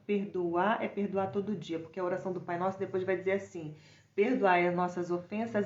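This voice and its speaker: A woman's voice: mid-range voice, dark tone, roomy sound, dull audio. A Brazilian woman and mother giving an informal, conversational sermon, asking listeners rhetorical questions. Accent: Brazilian Portuguese. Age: adult mother.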